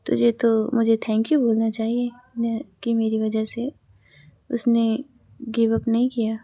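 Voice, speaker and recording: A woman's voice: fairly high pitch, completely flat delivery, unhurried, warm tone. Woman reading as a teasing young bride. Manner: teasing, banter with friend.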